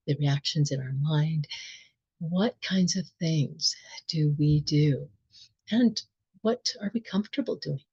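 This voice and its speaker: A middle-aged woman giving a reflective spiritual talk, gentle and thoughtful, with soft laughs and pauses. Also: sits low, breathy edge, dull audio. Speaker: spiritual teacher.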